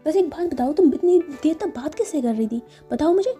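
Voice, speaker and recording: A woman's voice: high-pitched, lively intonation, fairly quick, dark tone, soft background music, voice pushed up. A woman voicing a jealous, hot-tempered young woman who scolds sharply and sulks. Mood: angry, accusing.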